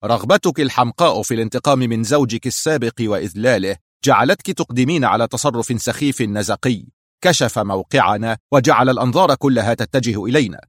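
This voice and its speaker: A man's voice: mid-range voice, fast talker, dry recording, clean studio sound, close to an everyday voice. A man voicing a stern male crime boss who gives clipped, cold orders.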